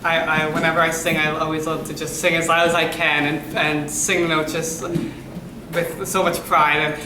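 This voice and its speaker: An eager young woman with a low voice talks about her excitement for a singing class. The room is echoey, with noticeable background noise. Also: normal speed. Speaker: voice student.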